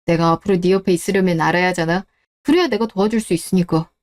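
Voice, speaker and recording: Woman doing a gentle caring young man. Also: lowish voice, fast, voice pushed down, lightly acted. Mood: reassuring. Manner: soft, reassuring.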